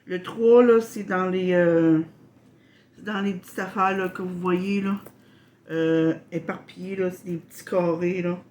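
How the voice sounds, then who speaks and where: A woman from Quebec with a Québécois accent, hosting a casual unboxing vlog, halting and apologetic, full of fillers and restarts. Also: fairly low pitch, fairly even intonation, a little mellow. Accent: Québécois French. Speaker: channel host.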